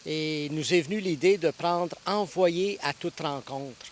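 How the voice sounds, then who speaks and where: A priest and guest preacher in his sixties from Ontario, Canada, answers interview questions thoughtfully at an easy, reflective pace, often pausing with "euh" and restarting phrases. His voice sits fairly high for a man, and a faint hiss runs beneath the recording.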